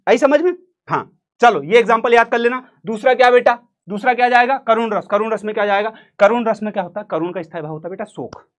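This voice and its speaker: A man's voice: high voice, fast talker. A man teaching an exam-prep literature lesson in a playful, joking way with a central Indian Hindi accent, acting out quotes and singing snippets. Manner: playful, jokey, acts out quotes and sings snippets.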